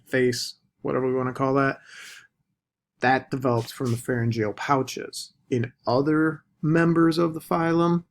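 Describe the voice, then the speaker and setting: A man teaching a recorded biology lecture, deliberately stressing the key terms. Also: mid-range voice, gravelly. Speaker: biology instructor.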